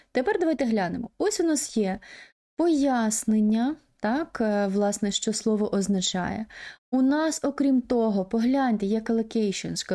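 Mellow-voiced woman teaching English. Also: medium pitch. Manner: patient, explanatory, frequent hesitation sounds. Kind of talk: explaining an online language lesson.

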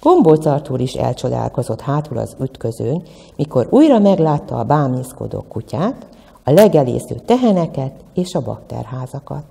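A woman museum educator telling a children's tale in a lively, lilting way. Her voice sits low with a gravelly, dark tone. The recording carries the long reverb of a museum room. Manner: expressive, lilting storyteller. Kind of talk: storytelling for children.

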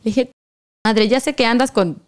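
A young woman with a Mexican Spanish accent tells a personal story over a casual chat, her voice higher-pitched and smooth. She talks in slang and acts out the quoted lines in a lively way. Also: moderate pace.

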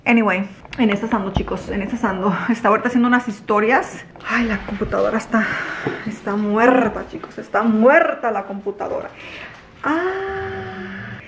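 A woman's voice: mid-range voice, fairly even intonation, fairly quick, noisy background. A woman, chatting casually to her viewers in a home vlog. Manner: chatty, addresses viewers as chicos, frequent fillers. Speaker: vlogger. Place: home and car.

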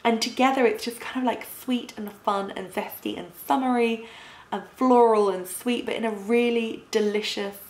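A woman's voice: a little high, steady tone, moderate pace. Woman, perfume review vlog, bubbly and gushing, echoey room. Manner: bubbly, gushing, laughs often. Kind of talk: casual product review vlog.

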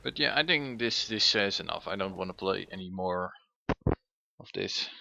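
A man's voice: sits low, animated, moderate pace, vocal fry, pushed and bright, a little hiss or hum. A man giving casual gameplay commentary as the host, plain-spoken and given to mild swearing. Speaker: gaming host. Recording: dull, band-limited mic over music.

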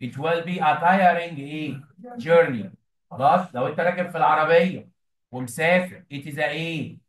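A man's voice: on the high side, normal speed. A man with an Egyptian Arabic accent teaching an English lesson to a classroom of students, often prompting them with questions. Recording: echoey room, mic at a distance.

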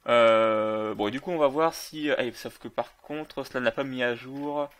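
A man's voice: medium pitch, normal speed, a bit bright. A man casually commenting on a video game while playing, with many fillers and self-corrections. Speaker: gaming video creator.

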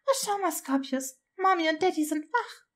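A woman's voice: very high voice, normal speed, pitched above the performer's own voice. A woman voicing a fussy aristocratic older witch, a chatty grandmother who gushes in a raised voice. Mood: cheerful.

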